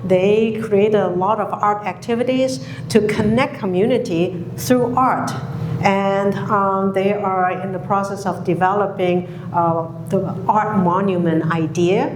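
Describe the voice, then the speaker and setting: A woman who grew up in Hong Kong, giving a public talk, speaking slowly with many pauses and fillers. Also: medium pitch, fairly even intonation, noisy background. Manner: slow, halting, many fillers. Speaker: guest speaker. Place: lecture hall. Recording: echoey hall recording.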